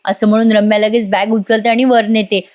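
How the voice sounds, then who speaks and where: A woman's voice: medium pitch, level tone, fairly quick, darkish tone. A woman narrating a chatty voice-over recap of a TV serial, reading out the characters' lines and talking directly to her viewers.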